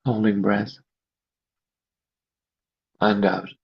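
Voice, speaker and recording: Leading a guided meditation as host, a man speaks in a husky voice on the low side, with some vocal fry. He gives slow, calm, measured short phrases punctuated by long pauses, and the video call audio is dull and lo-fi.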